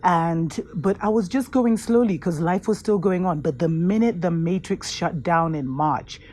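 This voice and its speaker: Woman host, slightly husky, earnest and unhurried, gently encouraging spiritual talk. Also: on the low side. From Kenya.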